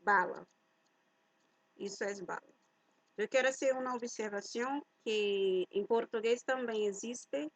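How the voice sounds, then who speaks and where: Speaking at a medium pitch, a woman teaches Spanish speakers, slowly and carefully unpacking each word, loudly emphasizing the important ones, and mixing Spanish into her Portuguese. The recording is rough but free of echo.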